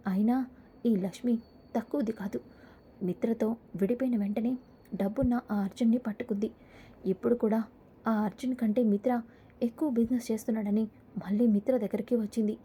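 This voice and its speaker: A woman's voice: a little high, fairly even intonation, fairly quick, pauses often, dark tone, slightly rough. Devayani, a woman reading a scheming schemer. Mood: scornful. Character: scheming spiteful woman, scornful. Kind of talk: serial episode recap read aloud.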